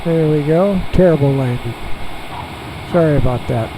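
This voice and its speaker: A man flying a small jet who talks through each step in a relaxed, halting way, heard over a pilot headset in the cockpit. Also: on the high side. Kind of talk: casual narration while flying. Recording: steady cockpit and engine noise.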